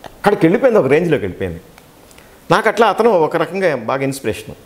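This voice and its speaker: A man who works as a dubbing artist and actor, giving an interview and telling stories with quick, animated delivery, acting out the dialogue he quotes. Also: fairly high pitch. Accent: Telugu.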